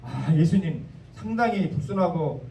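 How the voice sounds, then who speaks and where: A man's voice: on the high side, lively intonation, a little slow, creaky, mellow, slight background noise. A male pastor with a Jeolla accent preaching a sermon in a folksy, joking manner with dialect asides. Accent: Jeolla Korean. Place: church sanctuary. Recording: echoey church hall, mic at a distance.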